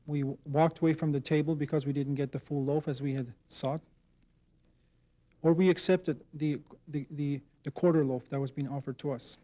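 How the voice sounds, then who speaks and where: A man giving an unscripted statement to the press as a community leader, halting and repeating words as he goes. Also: on the high side, mellow.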